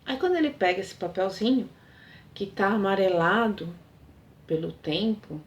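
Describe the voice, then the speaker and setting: A woman's voice: mid-range voice, lively intonation, normal speed. A woman casually retelling a story's plot in a chatty way, full of fillers.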